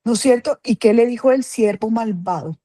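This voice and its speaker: A woman's voice: fairly high pitch, normal speed, dark tone, no echo. A woman teaching a Bible class, asking her listeners questions and repeating key phrases for emphasis.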